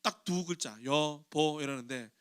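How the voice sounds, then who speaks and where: A middle-aged male pastor delivers a chatty youth sermon in a church sanctuary, his voice on the high side, animated, brisk, bright and forceful. He often questions the congregation and briefly acts out quoted voices in short bursts.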